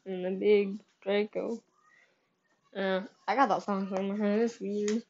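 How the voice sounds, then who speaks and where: A woman's voice: medium pitch, level tone, unhurried, a little mellow, lo-fi sound. A woman hosting a live gaming stream, chatty and upbeat, heard through livestream headset mic audio. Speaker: livestream host.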